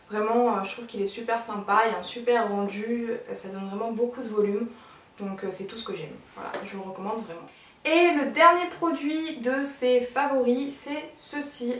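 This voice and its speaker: A woman who runs a beauty vlog talks about her favorite products of the month in a casual, excited way, often pausing with filler words. Her voice is on the high side, and the recording sounds distant and roomy.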